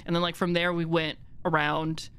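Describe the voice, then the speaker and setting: Bright-voiced woman streamer chatting. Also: sits low, flat delivery, moderate pace, clean tone. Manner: chatty, rambling with fillers. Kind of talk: casual gaming chat.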